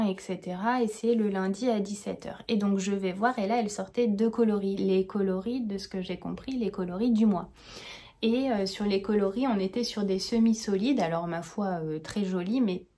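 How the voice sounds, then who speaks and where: A woman hosting a knitting podcast, talking in a chatty, rambling and enthusiastic way, and sometimes dropping into a soft whisper. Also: medium pitch. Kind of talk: casual chat.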